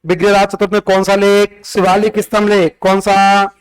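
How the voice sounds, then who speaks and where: A man's voice: high voice, monotone, moderate pace, clean tone, low-quality recording. A man teaching history, drilling facts through repeated questions and sing-song counting in call-and-response revision.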